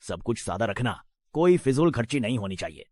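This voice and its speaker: A middle-aged man voicing a visiting mayor who speaks in a measured, authoritative way. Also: medium pitch, big pitch swings, darkish tone, no echo, studio quality. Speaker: dubbing actor. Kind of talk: Hindi drama dub.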